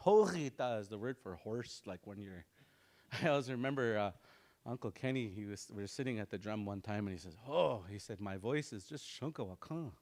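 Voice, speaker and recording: A man leads an online language class, repeating vocabulary again and again in a loose, casual style and laughing frequently. His voice sits on the lower side.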